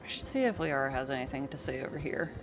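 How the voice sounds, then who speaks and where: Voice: medium pitch, lively intonation, quick pace, vocal fry, over music. A streamer chatting casually and sarcastically over gameplay.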